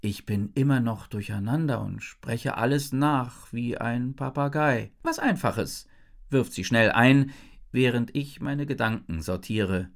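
A woman narrating a children's story in the first person, with expressive storytelling. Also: very deep voice, measured pace. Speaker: audiobook narrator.

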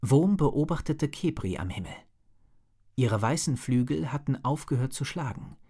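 A man narrating a children's story in a calm, measured reading voice. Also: mid-range voice, slightly rough. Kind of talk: storybook read-aloud.

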